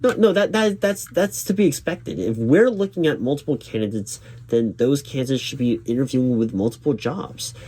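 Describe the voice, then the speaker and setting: A man role-playing a job interviewer, reassuring and accommodating, halting and repeating his words as he goes. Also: mid-range voice, warm tone, husky. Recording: lo-fi, noisy, clacking keyboard typing. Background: computer keyboard typing.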